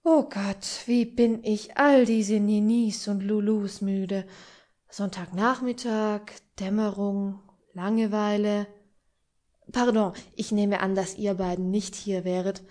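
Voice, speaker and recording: A jaded young gentleman from an audiobook, as a woman reads him, bored and resigned. He drags along slowly in a dark, mellow tone. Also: medium pitch, fairly even intonation, close to an everyday voice. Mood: weary. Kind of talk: audiobook reading.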